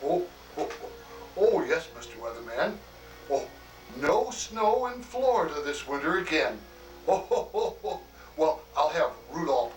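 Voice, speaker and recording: A man performs a hearty, grandfatherly Santa Claus who chuckles and muses aloud with plenty of "oh" and "why". The voice sits somewhat high for a man and is heard from a distance in an echoey room. Faint music plays underneath. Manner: chuckling often, slow homely delivery with many "oh" and "why". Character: jolly old Santa Claus, hearty and fatherly. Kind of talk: acted monologue for a personalized greeting video.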